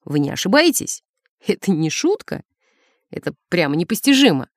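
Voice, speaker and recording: A woman's voice: lowish voice, sing-song, normal speed, no room sound, studio quality. A woman voicing a flustered village priest who stammers in fear and blusters with outrage, as in an audiobook. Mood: alarmed. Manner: stammering, frightened, then blustering. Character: flustered village priest, man, easily alarmed. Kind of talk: audiobook character voice.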